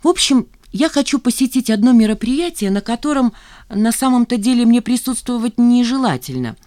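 A woman reading an audiobook, voicing a proud, sharp-tongued young woman. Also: a little high, lively intonation, brisk, no echo, studio quality, pitched above the performer's own voice, natural voice. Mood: bitter, haughty. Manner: haughty, cutting retorts.

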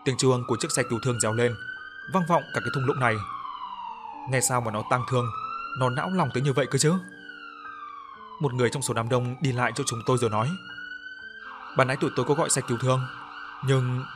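A man narrating a story in the first person, with a somber, measured reading and acted dialogue. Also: medium pitch, steady tone, music in the background.

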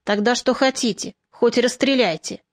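A woman reading an audiobook, voicing a young male partisan orderly who pleads with rough folk speech. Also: fairly high pitch, normal speed, close to an everyday voice. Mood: firm.

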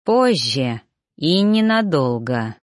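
A woman voicing a possessive young male lover in a storybook reading, talking low and intense. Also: sing-song, slow pace, no echo, clean studio sound, full character voice. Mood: menacing whisper.

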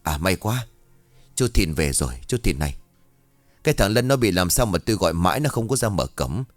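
Calm older villager, voiced by a man, low voice, gentle, storybook figure. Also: a little fast, dry recording, faint music behind.

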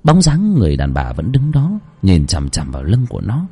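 A man's voice: low-pitched, huge pitch swings, brisk, warm tone, slightly rough. A man narrating a ghost story with a dramatic, tense delivery.

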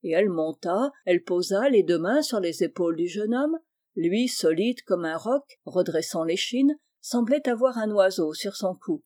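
A woman reading a literary story aloud in an even, measured way. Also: medium pitch. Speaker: audiobook reader.

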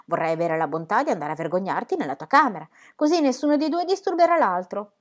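A cold, pedantic pastor husband delivers each line with icy formality and plain condescension, read by a woman. His voice rises and falls widely. The speech is slow and precise. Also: high-pitched, very animated. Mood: icily pedantic.

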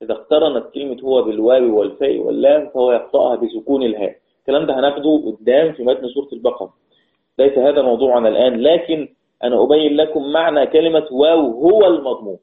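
Egyptian male teacher over a tinny line. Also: medium pitch. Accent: Egyptian Arabic. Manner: explains step by step, asks students questions; chants verse lines slowly. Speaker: Quran recitation teacher. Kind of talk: recorded online lesson.

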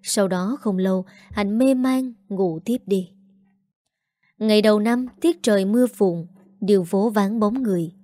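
A woman narrating a scripted audio story in a calm, steady manner. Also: medium pitch, measured pace, no echo, studio quality.

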